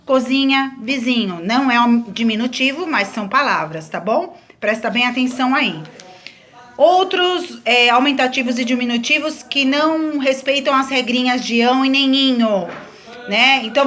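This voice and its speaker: A woman's voice: high-pitched, a bit bright. A woman teaching a grammar lesson, explaining the rules patiently step by step with examples.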